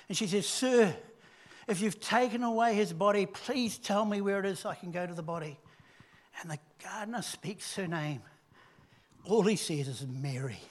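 A man preaching a sermon, retelling a story and dropping from loud emphasis to hushed, low tones.

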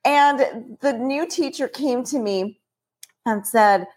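A woman who leads a childcare program, telling stories about children in a relaxed podcast conversation. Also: a little high, takes it slowly.

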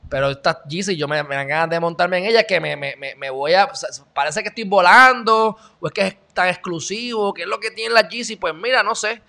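A man hosts an online show, sarcastic and animated as he comments on the news and talks right to his viewers. His voice sits fairly high and has a gravelly edge. It sounds bright and forceful. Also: fairly quick, few pauses. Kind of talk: casual commentary reacting to news.

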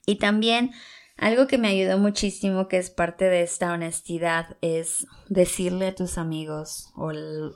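A young Latin American woman speaks in a lowish, slightly mellow voice with some vocal fry. In a casual vlog she shares tips for learning English, offering earnest encouragement through stories from her own life.

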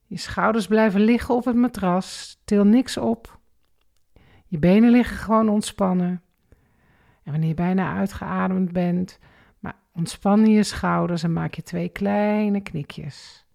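A woman calmly guiding a relaxation and breathing exercise step by step, counting the breaths. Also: mid-range voice, vocal fry. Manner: slow, calm step-by-step guidance with counted breaths. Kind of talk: guided exercise instruction.

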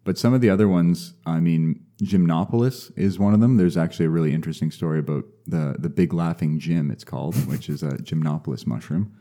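A young man, a mycologist guest, talking casually and explaining things in a measured way with some restarts. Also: low voice, mellow. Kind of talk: casual podcast interview.

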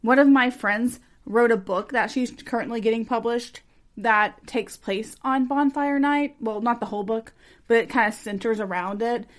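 Higher-voiced American woman, true crime narrator. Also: fairly even intonation, moderate pace. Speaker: podcast host. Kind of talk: true crime podcast narration with casual chat.

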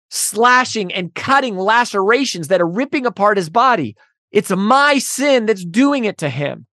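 A woman's voice: a little high, fairly bright tone, dry recording, studio quality. A woman hosting a faith podcast, giving an earnest teaching monologue that builds into impassioned, repetitive declarations. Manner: earnest, building to impassioned intensity with repeated phrases. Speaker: podcast host.

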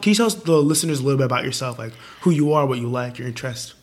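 A man's voice: mid-range voice, rapid-fire. A young man hosting a casual youth podcast, chatty and upbeat with many fillers, his voice strained from losing it. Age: young adult. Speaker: podcast host. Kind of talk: casual chat.

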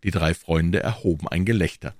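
A man reading a classic novel aloud as an audiobook narrator, with an expressive delivery. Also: low voice, moderate pace, no echo, studio quality. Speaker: audiobook reader. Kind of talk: scripted narration.

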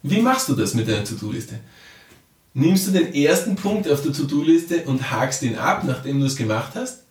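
A man coaching the listener directly and often checking in with a quick "ja?". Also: on the high side, sing-song. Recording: roomy sound, mic at a distance.

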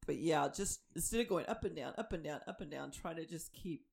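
Woman co-host with an Oklahoma accent, low and gravelly, who acts out quotes in animated stories. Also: brisk. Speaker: podcast co-host. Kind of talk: casual faith chat.

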